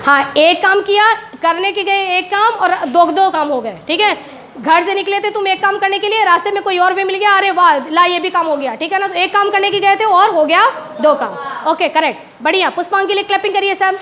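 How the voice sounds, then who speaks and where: A woman's voice: extremely high pitch, a little fast, fairly bright tone, slight background noise. A woman teacher explaining proverbs to a class of pupils, repeating each point and checking often that they follow.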